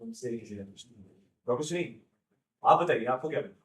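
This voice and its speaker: Guy acting as a chatty family man talking folks into a welcome party, sounds far off in a boomy room. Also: expressive, fairly quick, roomy sound, close to an everyday voice. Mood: coaxing. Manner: persuasive, mixes in English phrases. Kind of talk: TV serial drama scene.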